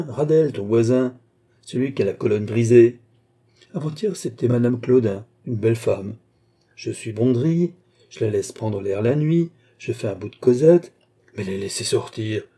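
A man's voice: medium pitch, lively intonation, normal speed, warm tone, slightly rough. A man reading aloud, voicing a burly, mad male cemetery keeper who talks in a sneering, mocking and menacing way. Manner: sneering, jovial then curt.

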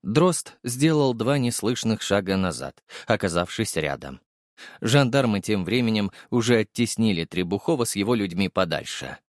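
A man reading a first-person audiobook in a measured, steady storytelling style. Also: on the low side, no room sound, clean studio sound. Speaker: audiobook narrator. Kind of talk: scripted first-person narration.

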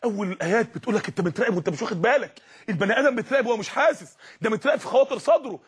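An Egyptian man delivers a fervent sermon in a very high, husky voice. He talks fast and pleads with his listeners, and his voice swells into shouts now and then. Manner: impassioned, pleading, at times shouting. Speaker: preacher. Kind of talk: sermon to young people.

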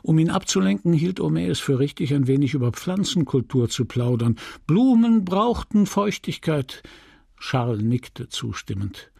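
A man reading a novel aloud as an audiobook narrator in a deliberate, measured way. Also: fairly high pitch, very animated, warm tone, no room sound, clean studio sound. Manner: slow, deliberate, gravelly reading.

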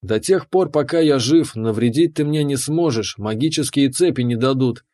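A man's voice: mid-range voice, moderate pace, darkish tone. Man narrating a fantasy audiobook.

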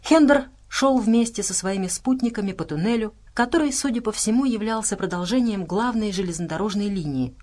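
A woman reading an audiobook aloud as a narrator, raising her voice for the characters' lines. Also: a little mellow. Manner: reads dialogue with raised pitch and volume for characters. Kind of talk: scripted narration.

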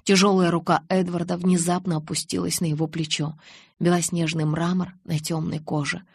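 A reader tells a novel in first person, steady and scripted. The sound is dry and close, with no room around it. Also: medium pitch, moderate pace, vocal fry, slightly rough, no echo. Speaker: audiobook reader. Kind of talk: scripted audiobook narration.

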